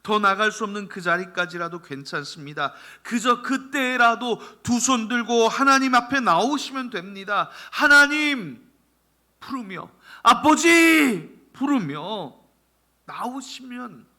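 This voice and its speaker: A man preaching a Sunday sermon, swinging from loud calls down to soft, near-whispered lines. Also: high-pitched, measured pace. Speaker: pastor.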